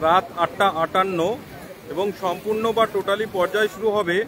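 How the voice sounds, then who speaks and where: A man giving live news commentary, repeating details and pausing as he explains, outdoors with wind on the mic. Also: sits high, fairly even intonation, a crowd in the background. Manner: repetitive explanatory delivery with hesitant pauses. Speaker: live reporter. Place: outdoors on a sea beach. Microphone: mobile phone. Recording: noisy outdoor live stream, roaring sea wind. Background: roaring waves and wind.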